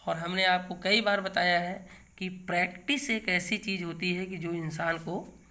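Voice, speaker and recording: A man's voice: high-pitched, fairly even intonation, a little slow, sharp tone. Patient man teaching grammar online. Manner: explains patiently, asking himself rhetorical questions and checking with "theek hai". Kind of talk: online video lesson.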